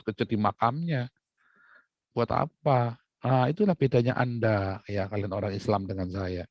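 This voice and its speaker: Man preaching with animated storytelling. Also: mid-range voice, dry recording, muffled recording. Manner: animated storytelling, rising loud when recounting fights. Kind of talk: sermon with personal stories.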